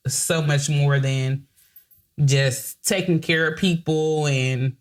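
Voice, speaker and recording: A woman's voice: low-pitched, steady tone, slow. A woman co-hosting a podcast, telling a personal family story in a candid, emotional way with many restarts and the odd swear word. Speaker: podcast co-host.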